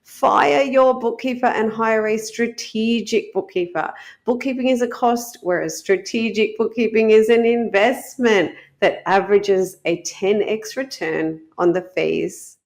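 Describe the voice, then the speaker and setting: A woman's voice: on the high side, measured pace, dry recording. A woman hosting a podcast, talking in a chatty, casual way and laughing often. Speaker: podcast host. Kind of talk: casual interview chat.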